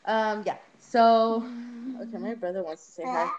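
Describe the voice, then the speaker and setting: This woman's voice has a darkish tone and a moderate pace, with lo-fi sound. She's a young vlogger, teen to young adult, rambling casually and a bit hesitantly through a tour of her small house's rooms. She moves a handheld webcam around, and its audio is noisy and low-quality.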